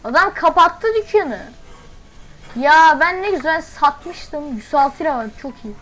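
A woman commenting on her gameplay as she plays, chatty and thinking aloud, with quick startled exclamations. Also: high-pitched, lively intonation, a bit bright, low-quality recording. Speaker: gaming channel host.

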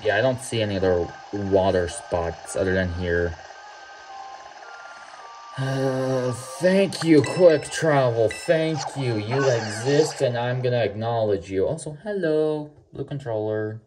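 This gaming YouTuber, a young man from Mexico, speaks slowly and expressively at medium pitch. His casual let's-play commentary rambles, drifts off topic and includes plenty of swearing, with loud game music and a noisy background.

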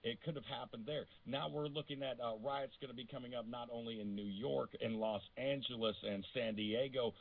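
A man's voice: mid-range voice, fairly even intonation, fairly quick, creaky, few pauses. An American man talking in an emphatic, outspoken way, as a co-host on casual opinionated talk radio. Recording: tinny phone-like line.

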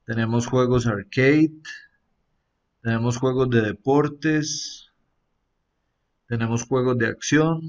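In a screen-recorded walkthrough of an app, a male reviewer speaks at a relaxed, mid-range pitch. He often ends sentences with a questioning aside and lingers on filler words. The audio comes across as slightly dull and muffled.

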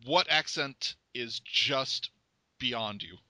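A man's voice: mid-range voice, takes it slowly, bright, forceful tone, no echo. A man hosting an interview, chatting casually and joking with his guest. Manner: joking, conversational. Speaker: podcast host.

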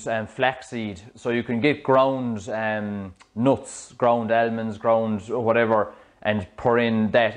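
A man in his thirties with an Irish accent, a fitness coach talking through a smoothie recipe in his home kitchen on a clip-on mic, chatty and explanatory. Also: mid-range voice. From Ireland. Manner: chatty, explanatory, loose restarts. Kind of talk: casual cooking demonstration. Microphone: small clip-on mic.

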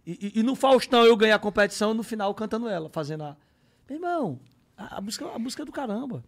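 A man's voice: high voice, animated, fast. A man, telling stories on a podcast in casual, slangy chat and bursting into sung parodies. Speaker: podcast guest, comedian.

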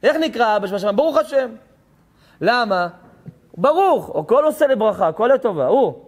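A rabbi delivering a sermon, telling stories with passion, acting out dialogue and rising to shouts at times. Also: male voice, very high voice, very animated.

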